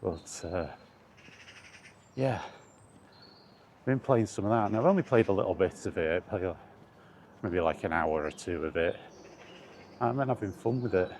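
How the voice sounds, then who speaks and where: His voice is deep and a little mellow, with lively intonation, a moderate pace, and long pauses. Walking outdoors along streets or paths, this solo vlogger rambles easygoingly to himself in trailing asides, recorded amid noisy environmental sound.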